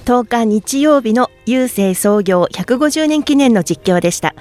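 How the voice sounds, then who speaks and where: A woman's voice: fairly high pitch, lively intonation, unhurried, a little mellow, dry recording. A woman hosting a racing review show, presenting results and chatting with her panel. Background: background music.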